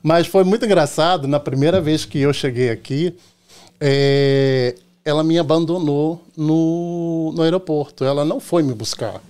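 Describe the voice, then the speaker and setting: Carioca guy on a podcast, kinda high voice, chatty storyteller acting out who said what. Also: measured pace, a little mellow, clean tone. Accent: Carioca Portuguese. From Rio de Janeiro, Brazil. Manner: chatty, tells anecdotes acting out quoted dialogue, often tags "entendeu?". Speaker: podcast guest, hairdresser. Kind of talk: casual storytelling in a podcast chat.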